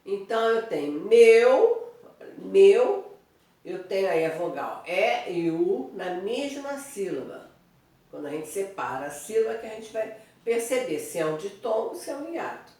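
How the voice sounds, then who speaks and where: A woman's voice: medium pitch, big pitch swings, moderate pace, darkish tone. A woman teaching Portuguese grammar in an online review lesson, explaining step by step and checking in with her students. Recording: very echoey room, voice from a distance.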